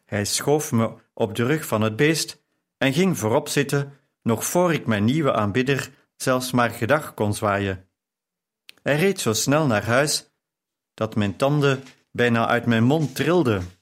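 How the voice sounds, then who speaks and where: A man reading a novel aloud as a measured first-person narration. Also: mid-range voice. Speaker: audiobook narrator.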